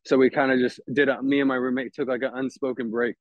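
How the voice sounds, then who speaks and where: A man from Texas speaks quickly at a medium pitch with little pitch movement, and the lo-fi recording has no echo. In a laid-back, casual chat he rambles about the events he organizes, swearing freely and a lot.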